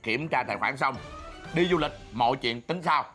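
A man plays a grumbling husband in a comedy sketch. His voice is mid-pitched. Soft music plays faintly behind him. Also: animated, moderate pace.

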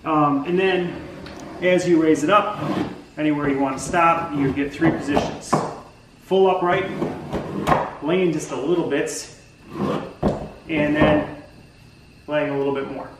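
Heavy background noise and a roomy sound surround a fairly high male voice with lively intonation, a little slow and pausing often. The tired DIY host, in his forties, talks his way through a woodworking build in his indoor garage workshop, rambling slightly with many ums and restarts.

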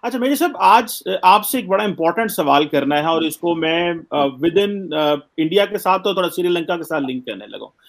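A man hosting an interview, asking long, polite, winding questions with frequent hesitations. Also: sits high. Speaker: interview host.

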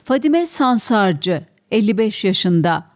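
A woman's voice: medium pitch, very animated, slow pace, slight background noise. A woman reporter reading scripted news narration as a voice-over.

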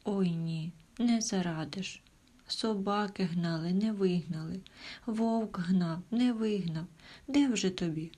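A timid little hare boy, as a woman storyteller puts him on, talking in a breathy, half-whispered plea. His husky, hushed voice stays tearful and small, as in a children's storybook reading. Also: mid-range voice, slow pace. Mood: tearful pleading.

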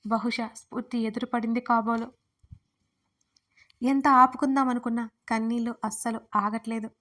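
A woman telling a romance audiobook in the first person, her voice fairly high. Her reading stays level, with little lift or fall. She tells it in a heartfelt, tearful way. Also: steady tone, normal speed, fairly bright tone. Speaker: storyteller and writer.

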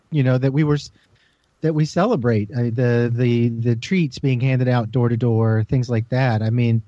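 A man's voice: mid-range voice, warm tone, dry recording. A man co-hosting a casual group podcast, rambling and restarting his phrases as he talks. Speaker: podcast co-host. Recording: slightly dull, dry podcast audio.

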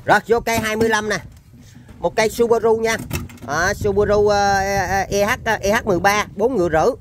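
High-pitched Southern Vietnamese man selling machinery. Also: steady tone, fast, slight background noise. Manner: repetitive, chatty hands-on patter. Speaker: seller of used machinery. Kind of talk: informal live sales demonstration.

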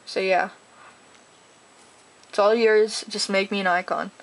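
Teenage girl, casual unboxing chat, fast-talking, rambling, excitable, mid-pitched voice. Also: vocal fry, slight background noise, poor audio. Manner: gushing, excitable. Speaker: card collector vlogger.

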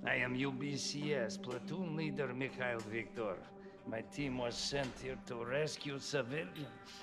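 An actor playing a weary older platoon leader in a video game, speaking gravely and with measured delivery. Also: male voice, medium pitch, lightly acted. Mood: grave, courteous. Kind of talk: video game cutscene acting. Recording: loud game music behind.

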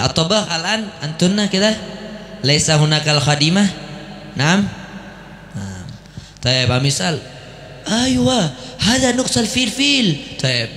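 A man's voice: on the high side, sharp tone. A man with an Indonesian accent teaching Arabic at a boarding school, repeating words, quizzing students and acting out short dialogues. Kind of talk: classroom lesson mixing Arabic and Indonesian. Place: classroom at an Islamic boarding school. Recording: echoey hall.

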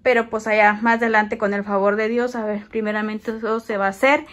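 A woman's voice: medium pitch, flat delivery, a little fast, fairly bright tone. A woman chatting to viewers as she films a tour of her small home on a phone. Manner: chatty, addresses viewers as friends, walking while filming. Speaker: vlogger. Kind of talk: casual house tour vlog. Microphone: phone held in hand.

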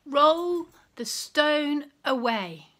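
A woman voicing Jesus as a calm, sorrowful grown man in a children's storybook reading, speaking slowly and solemnly. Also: fairly high pitch.

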